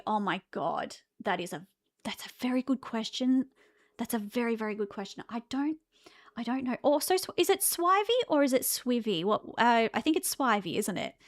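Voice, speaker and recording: A woman in her thirties with an Australian accent, chatting casually with her stream chat, laughing often and restarting her sentences. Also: fairly high pitch. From Victoria, Australia.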